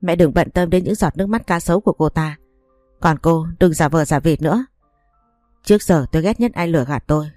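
A woman's voice: low-pitched, fairly quick, warm tone, dry recording, clean studio sound, soft background music, lightly acted. A woman reading the lines of a furious young husband who scolds harshly. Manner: scolding, cursing.

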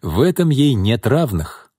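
A man voicing a drunken, pushy middle-aged businessman in an audiobook, needling, bitter and rising into angry shouts. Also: medium pitch, very animated, unhurried, husky, dry recording, studio quality, voice pushed up. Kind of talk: audiobook character reading.

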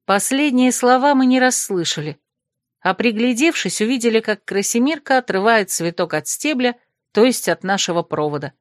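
A woman narrating an audiobook in an even, unhurried reading. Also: fairly high pitch, no echo, clean studio sound. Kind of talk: scripted narration.

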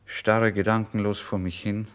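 The voice is a man's: fairly low, clean, natural, at normal speed with a flat delivery. He's an actor in a German radio drama reading, voicing a penniless, emotional writer who recounts his misery in the first person. The tone is tense and brooding, with a theatrical, intense manner that veers between hushed and exclamatory.

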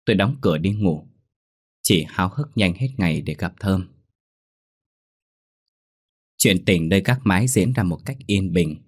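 A young man calmly narrating a first-person ghost story. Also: low voice, moderate pace, husky.

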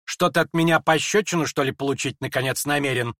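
A man voicing a hot-tempered, proud older noblewoman who scolds in shrill, impetuous outbursts in a dramatized audiobook reading. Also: expressive, moderate pace, a bit bright, no echo, clean studio sound. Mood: indignant.

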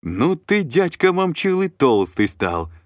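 A man's voice: fairly high pitch, wildly swooping pitch, moderate pace, no room sound, studio quality, pitched above the performer's own voice. A brash, cocky young warrior who bellows every line, his voice pushed well above the man reading's own, swinging wildly up and down. The storybook figure is proud of himself and teasing. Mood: boisterous. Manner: loud, exuberant shouting. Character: boastful young male warrior nephew, cheeky.

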